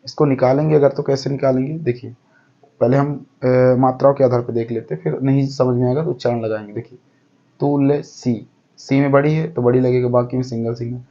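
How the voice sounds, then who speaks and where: A man's voice: mid-range voice, fairly even intonation, a little fast, mellow, dull audio. A man teaching a lesson step by step, counting aloud and often checking that the class follows. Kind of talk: explaining a lesson.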